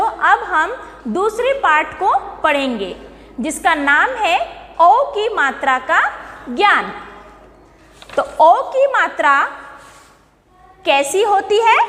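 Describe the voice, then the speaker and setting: A woman's voice: very high-pitched, very animated, takes it slowly, long pauses, fairly bright tone, long reverb tail. A woman teaching a primary school Hindi lesson who asks the class questions, repeats the answers and stretches out words to model pronunciation. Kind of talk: slow, deliberate classroom lesson.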